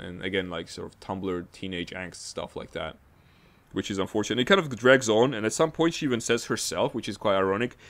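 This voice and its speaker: Low-voiced man rambling through a game review. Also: a bit bright. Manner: rambling, restarts often, mildly exasperated. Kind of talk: casual spoken game review.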